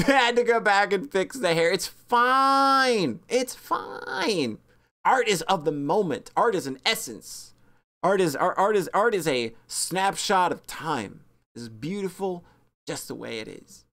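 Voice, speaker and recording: Bubbly rambling woman streamer, lively pitch. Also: a little slow. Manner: bubbly, rambling, self-mocking, with sudden squeaky high bursts. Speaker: VTuber streamer. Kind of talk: casual stream chat reviewing fan art.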